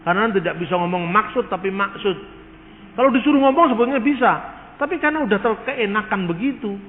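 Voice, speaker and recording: A man's voice: sits high, lively intonation, fast talker. A man giving a lecture, explaining words and asking rhetorical questions as he teaches. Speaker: lecturer on religious texts. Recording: tinny phone-like sound with long hall reverb.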